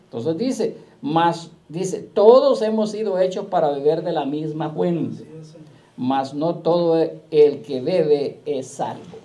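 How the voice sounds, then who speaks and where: Male pastor, warm mellow tone, fiery preaching full of rhetorical questions. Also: on the high side. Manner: fiery preaching with rhetorical questions, slow drawn-out scripture quotes. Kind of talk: sermon.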